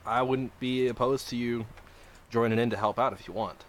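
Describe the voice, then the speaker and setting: A man's voice: mid-range voice, fairly even intonation, normal speed. A young man hosting a livestream, chatting casually and rambling with lots of swearing and restarts. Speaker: livestream host designing a game mod.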